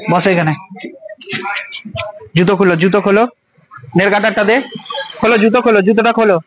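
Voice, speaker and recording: A man filming a street vlog, coaxing and gently scolding as he asks the same questions again and again. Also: sits high, fairly even intonation, quick pace, soft background music, low-quality recording. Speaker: vlogger helping a homeless man. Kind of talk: casual street vlog talk. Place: outdoors on a street.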